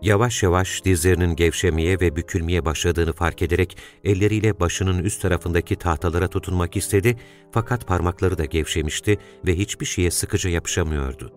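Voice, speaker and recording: Deep-voiced man reading a story. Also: faint music behind. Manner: measured, raises pitch and volume to act out the dialogue.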